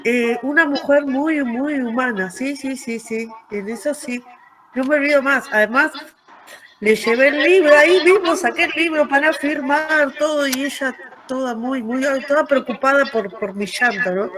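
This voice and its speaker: A woman with an Argentine accent, a workshop participant telling a lively personal anecdote on a video call. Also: high-pitched, normal speed, low-quality recording. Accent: Argentine Spanish.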